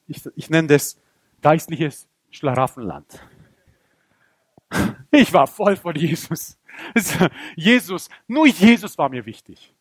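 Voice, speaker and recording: Young man, animated sermon testimony, high-pitched, dry recording. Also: no echo. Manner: animated storytelling, acts out scenes, voice climbs when excited. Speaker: preacher.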